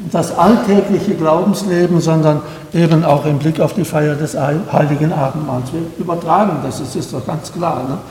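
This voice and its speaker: A man's voice: on the high side, mellow, reverberant, in a large hall, a little hiss or hum, rough recording. A man preaching a sermon to a congregation, earnest and pleading, often asking his listeners direct questions.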